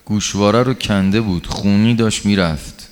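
A man's voice: lowish voice, a little mellow. A male preacher telling stories in a sermon, shifting between narration and acted quotes. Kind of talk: sermon storytelling. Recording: long hall reverb.

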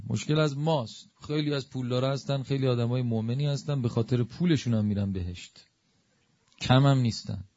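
A man preaching a religious sermon at a middle pitch. He talks to listeners conversationally and builds to emphatic high peaks. The sound is dull and lo-fi, and the room is dry. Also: dark tone, no room sound.

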